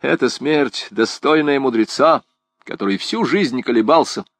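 A man voicing an excitable, rambling young male poet in an audiobook, wry and theatrical. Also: no echo. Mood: musing. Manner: high-pitched, fast-shifting, wry and theatrical. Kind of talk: audiobook character reading.

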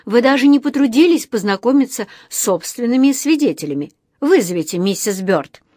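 A woman's voice: on the high side, animated, fairly quick, dark tone, dry recording, clean studio sound, pitched above the performer's own voice. Woman voicing a curt, stern old judge. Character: stern grumpy male judge, irritable.

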